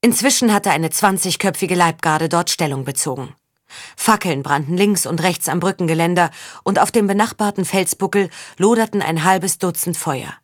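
Lady reading a novel aloud, steady pace, super dry close mic. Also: on the low side, no echo. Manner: measured storytelling. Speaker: audiobook narrator. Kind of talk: scripted narration.

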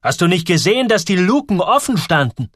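Audiobook part: a gruffly caring stoker put on by a man, pitched up and calling out, lively. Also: fairly quick, dry recording, clean studio sound, full character voice. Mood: alarmed, concerned. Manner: loud, calling over noise. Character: barefoot boiler man, kindly, worried, loud. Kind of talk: audiobook reading.

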